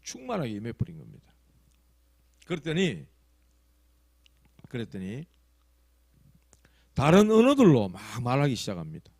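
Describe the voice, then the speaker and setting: A male pastor with a Gyeongsang accent preaching a sermon, telling stories that swing from loud emphasis to hushed asides. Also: mid-range voice, wildly swooping pitch, fast talker, dry recording. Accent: Gyeongsang Korean. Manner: acts out quoted prayers and tongues.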